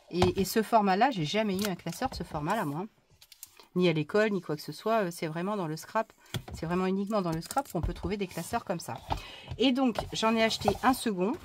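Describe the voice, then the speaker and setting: A woman talking casually through a crafting haul, chatty and hesitant with many fillers and restarts, often dropping into soft asides. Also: medium pitch, background noise. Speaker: crafting vlogger.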